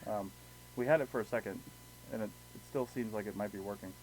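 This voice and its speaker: A man's voice: lowish voice, quick pace, a little mellow, low-quality recording. A man hosting a casual live podcast, chatting in a blunt, matter-of-fact way over hissy, static-laden audio. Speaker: podcast host.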